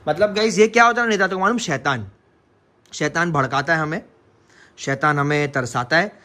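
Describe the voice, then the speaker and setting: A man hosting a casual home vlog, telling a story in an animated way and often calling viewers "guys". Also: on the high side, moderate pace. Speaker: vlogger host.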